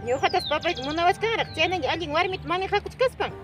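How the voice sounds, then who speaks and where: An actress playing a worried rural mother who talks fast and high, mixing Quechua with Spanish. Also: animated. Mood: agitated. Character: worried rural Andean mother, fierce protector. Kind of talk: amateur drama acting. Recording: music bed behind.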